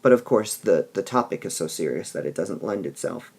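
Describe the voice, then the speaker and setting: A man's voice: low-pitched, expressive, a little fast, a little mellow, breathy edge. A man teaching a literature lesson, explaining patiently and often checking in with "all right?" between passages he reads aloud.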